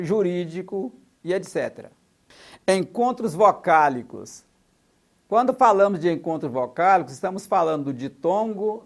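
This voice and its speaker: Methodical teacher listing examples. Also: male voice, high-pitched. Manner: methodical, lists examples one by one and spells out letters. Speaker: Portuguese teacher. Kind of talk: recorded exam-prep lesson.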